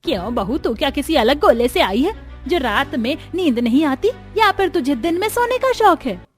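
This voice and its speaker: A woman's voice: high voice, sing-song, moderate pace, faint music behind. A woman voicing a strict middle-aged mother-in-law who scolds and gives orders. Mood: scolding. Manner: scolding, commanding.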